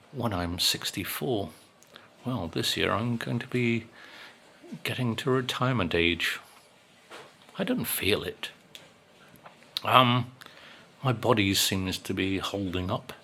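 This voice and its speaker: A man in his sixties talks to camera in an easy, rambling vlog, dropping wry asides between frequent ums. His delivery is unhurried and his tone is bright and forward. A faint hum of room noise sits behind him. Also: on the low side, creaky. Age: 60s. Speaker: vlogger. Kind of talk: casual chat to camera.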